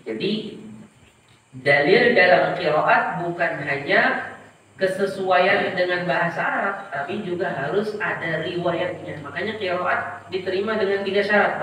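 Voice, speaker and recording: A man teaching Quran recitation in class, modelling pronunciation slowly and quizzing his students. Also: high-pitched, sharp tone, slight background noise. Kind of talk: classroom tajwid lesson. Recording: echoey room, mic far off.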